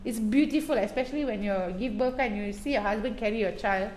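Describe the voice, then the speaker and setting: A woman's voice: on the high side, fast talker, a little mellow. A woman with a Singaporean accent in casual, emphatic chat, switching between English and Malay slang with colloquial particles. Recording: roomy echo, faint background noise.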